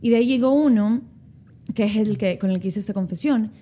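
A woman's voice: medium pitch, a little fast. A young woman, co-hosting a podcast and telling stories in casual chat, laughing often. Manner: animated storytelling, laughs often. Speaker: podcast co-host.

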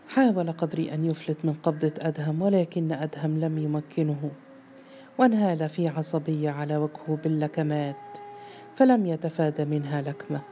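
A woman narrating a novel in a measured, dramatic storytelling manner. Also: low voice, mellow, a little hiss or hum.

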